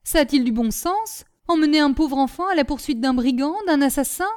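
A woman's voice: high-pitched, sing-song, a little mellow, voice pushed up. A woman doing Nanon, a scolding old servant. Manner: scolding, quarrelsome, quick retorts.

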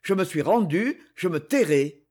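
A reader voicing a captive prince who speaks in a dark, despairing voice in an audiobook. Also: medium pitch, animated, measured pace. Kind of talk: audiobook character reading.

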